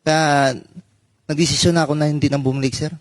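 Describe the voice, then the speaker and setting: A man, a former soldier, telling a personal story in halting speech and saying "sir" at almost every pause. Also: fairly high pitch, fairly even intonation, no echo. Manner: halting, addresses listener as sir constantly. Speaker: former soldier giving testimony. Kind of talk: emotional personal account.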